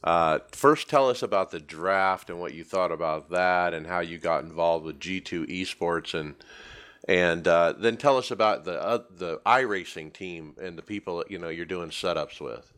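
Very deep-voiced podcast host. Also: male voice, moderate pace, a bit bright. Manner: conversational, leading questions with fillers. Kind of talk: interview questions.

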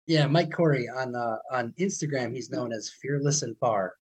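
A male podcast host keeps the talk casual and friendly. He often stutters on a word before a thought gets going. His pitch sits in a middle range for a man. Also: normal speed, slightly rough, rough recording. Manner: friendly, chatty, repeats words when starting.

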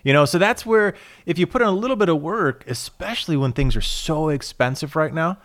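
A man co-hosting a car podcast, explaining his point at length in a relaxed way with many fillers. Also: a little high, brisk. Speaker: podcast co-host. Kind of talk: casual podcast chat.

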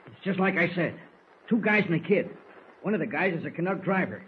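An actor playing a rough, slangy henchman in a 1940s radio drama. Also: a little high, lively intonation, a little fast, natural voice. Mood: reporting. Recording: tinny old radio recording, faint hiss.

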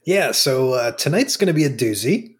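A man's voice: mid-range voice, lively intonation, husky. A man chatting casually as a podcast co-host, drawing out and savoring his words. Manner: drawn-out, savoring delivery. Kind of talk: casual banter among friends.

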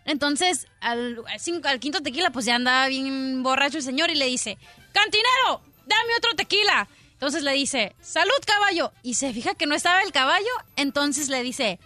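A high-voiced woman with a bright, sharp tone tells a joke on a radio show. She talks in a chatty, storytelling way, with faint music behind. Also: brisk, no echo. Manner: chatty storytelling, acting out drunk cowboy lines. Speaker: radio co-host. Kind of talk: telling a joke on air.

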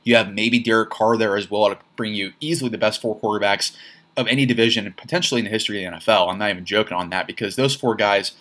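Male sports podcast host, a bit low, energetic solo commentary full of repeated phrases. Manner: animated, rapid reactions with repeated phrases and laughing asides.

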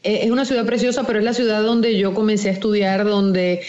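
A woman's voice: medium pitch, flat delivery, fast, darkish tone, dull audio. A Venezuelan woman, a sports journalist guest, telling her story in an interview with frequent fillers. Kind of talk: conversational interview.

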